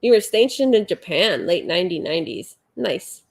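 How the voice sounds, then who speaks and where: A congested, sniffling woman in her forties hosts a casual livestream from home, reading out viewer comments. Her voice is on the low side and sing-song with vocal fry at a moderate pace, and she rambles chattily with lots of fillers.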